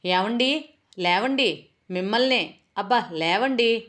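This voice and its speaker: Storybook wife: sharp-tongued young housewife, scolding, nagging, read by a woman. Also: medium pitch, unhurried, natural voice. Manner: scolding, questioning.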